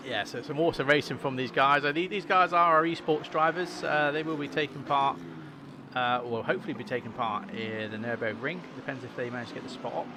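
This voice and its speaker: A man's voice: medium pitch, brisk. A man hosting a livestream with casual, chatty motorsport commentary on a sim race. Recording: clear engine noise behind voice.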